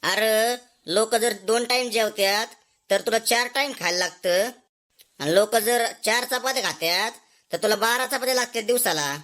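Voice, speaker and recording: A woman playing a village father who scolds and insults his lazy son in a comedy sketch. He uses rough rustic slang. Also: fairly high pitch, moderate pace, fairly bright tone, close to an everyday voice. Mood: scolding.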